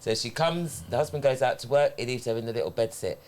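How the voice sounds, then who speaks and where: A man's voice: mid-range voice, fast talker. A man in a casual chat, telling stories expressively. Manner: expressive storyteller who acts out quotes.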